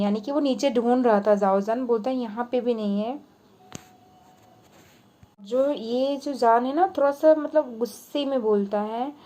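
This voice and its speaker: A woman's voice: on the high side, warm tone. A woman casually retelling a fan story in a chatty, loose way, full of little filler words. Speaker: fanfiction narrator.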